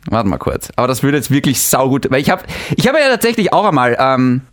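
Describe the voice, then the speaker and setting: A man's voice: medium pitch, sing-song, fast talker. A man co-hosting a podcast in casual, giggly, mock-dramatic chat. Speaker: podcast co-host. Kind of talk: casual comedic chat, reading messages aloud.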